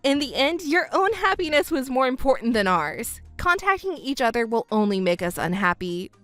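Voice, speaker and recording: A woman voicing a composed young stepdaughter who speaks in a calm, cold, measured way. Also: sits high, dry recording, soft background music. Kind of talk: narrated drama dub.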